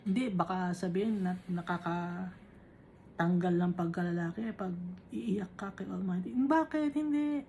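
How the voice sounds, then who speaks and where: A woman preaching, reading Bible verses slowly and explaining them in a chatty way, often asking "right?". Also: on the low side, gravelly, warm tone, slight background noise. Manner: Taglish, reads scripture slowly then explains conversationally with tag questions.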